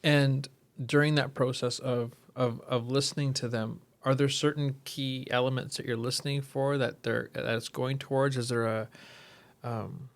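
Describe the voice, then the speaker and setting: A man's voice: medium pitch, flat delivery, normal speed. A man hosting a podcast interview, reflecting on the episode and asking questions. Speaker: podcast host. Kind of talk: interview conversation.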